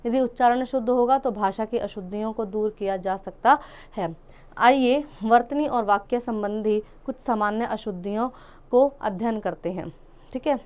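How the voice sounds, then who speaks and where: Woman, teacher, children's grammar lesson, patient, repeats words, smooth clear voice. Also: on the high side, moderate pace, darkish tone. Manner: patient, repeats each word twice, checks in with "theek hai".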